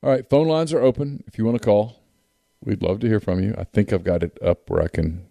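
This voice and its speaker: A man's voice: on the low side, a little fast, gravelly, dark tone, no room sound, studio quality. A man chatting casually as the host of a call-in show. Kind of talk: casual chat.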